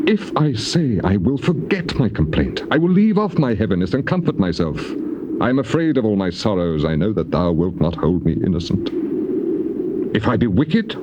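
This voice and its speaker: An actor playing Job, an anguished, weary righteous sufferer, declaiming his case in a theatrical dramatized Bible reading. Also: lowish voice. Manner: declamatory, rhetorical, swelling questions and falling sighs. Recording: muffled, noisy old cassette tape transfer.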